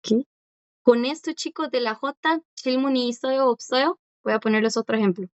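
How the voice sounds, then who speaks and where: Patient woman teacher, slightly high voice. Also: moderate pace, dry recording. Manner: patient, repetitive, checks in with the class often. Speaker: language teacher. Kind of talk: live class explanation. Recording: dry, dull lo-fi sound.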